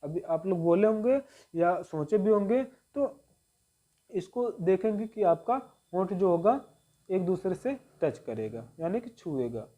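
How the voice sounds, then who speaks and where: Slow, mellow male Hindi teacher. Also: sits high, animated. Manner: slow, repetitive, sounds out each letter. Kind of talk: Hindi grammar lesson.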